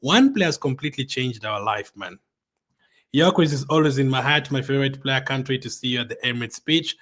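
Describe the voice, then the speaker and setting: A man hosts a fan live stream and reads out viewer comments. His voice sits at an ordinary middle pitch, and he speaks excitedly and loosely, filling gaps with "um" and "man". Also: brisk. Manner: excited and chatty, with frequent "um" and "man". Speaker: fan channel host.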